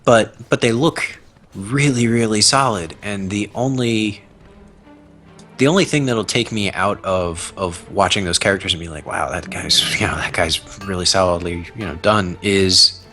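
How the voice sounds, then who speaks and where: A man's voice: low-pitched, normal speed, pushed and bright, faint music behind. A man on a gaming podcast, talking casually and hesitantly with many restarts.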